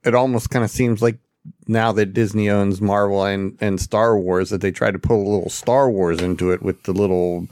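A man with a fairly low voice muses aloud in a casual podcast chat, leaning on fillers as he talks. His voice is recorded close and dry. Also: steady tone, moderate pace, a little mellow, dry recording. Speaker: podcast co-host.

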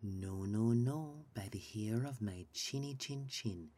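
A man voicing a small, frightened little pig with higher, louder protesting cries in a bedtime story. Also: slow, breathy edge.

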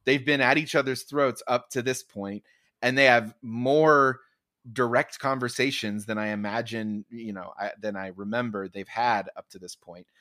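A man's voice: mid-range voice, fairly even intonation, moderate pace, pushed and bright, no room sound, studio quality. A man co-hosting a comedy podcast, talking casually with lots of restarts and playful mock quotes of his own thoughts. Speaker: podcast co-host. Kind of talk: casual chat.

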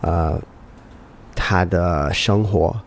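A man, a native English speaker, speaking non-native Mandarin with a foreign accent in a lazy, halting drawl during a casual chat. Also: deep voice, gravelly.

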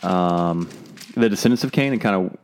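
Young guy, lowish voice, rambling casual bible chat, lots of ums and likes. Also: normal speed, a little mellow. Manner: loose, filler-heavy, lots of "like" and "um". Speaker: podcast co-host.

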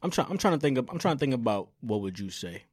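A man's voice: medium pitch, big pitch swings, fast talker, a little mellow, husky, dry recording, studio quality. A man in a casual chat who jokes around and stumbles through restarts. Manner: joking, stammering restarts.

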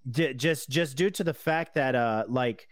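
A man in his thirties talking casually as a guest, rambling and halting with many fillers and restarts. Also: medium pitch, dry recording, studio quality. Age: 30s. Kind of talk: casual conversation.

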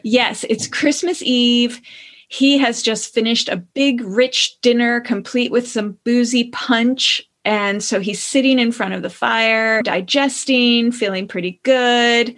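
A woman's voice: fairly high pitch, steady tone, slow, a bit bright. Amused woman podcast storyteller. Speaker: podcast co-host.

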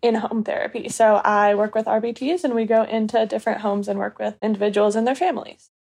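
A woman's voice: mid-range voice, steady tone, fast talker, darkish tone, husky. A woman, a behavior analyst, introducing herself in a plain, matter-of-fact way. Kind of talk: self-introduction.

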